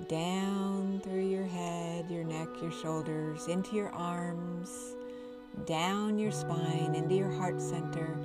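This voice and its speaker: A woman leading a guided meditation in a soft, soothing, unhurried spa-like voice, repeating words as she goes. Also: low voice. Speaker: host of a healing show and guided-journey leader. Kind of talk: slow guided meditation narration. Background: music behind the voice.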